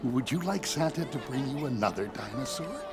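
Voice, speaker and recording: A man voicing a kindly, jovial old Santa Claus in a children's cartoon, gentle and reassuring. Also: mid-range voice, expressive, fairly quick, gravelly, over loud music. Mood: jolly, kindly.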